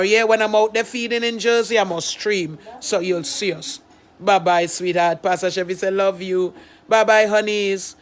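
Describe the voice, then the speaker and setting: A woman pastor with a Jamaican accent, talking to her followers on a livestream, affectionate and pleading, repeating her phrases. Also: medium pitch.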